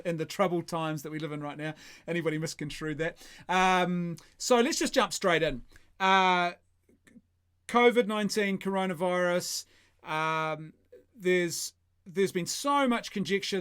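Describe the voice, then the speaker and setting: A man's voice: a little high, fairly bright tone, clear, resonant tone. A man hosting a casual interview show, chatty and self-deprecating, often restarting his sentences. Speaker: host.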